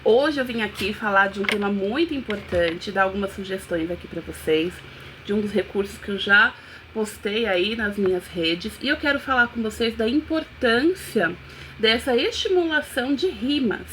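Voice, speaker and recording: A woman's voice: medium pitch, normal speed, fairly bright tone, slight background noise, rough recording. A woman, a neuropsychopedagogue, giving a casual teaching talk with a chatty, explanatory manner. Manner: chatty, explanatory, many "né" fillers.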